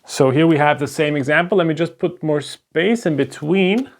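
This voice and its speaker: Moderately paced and somewhat high, this man's voice carries a German accent; German is his native language. As a Hebrew teacher he leads a slow explanatory lesson at a board, patient and step by step, checking in with "right?"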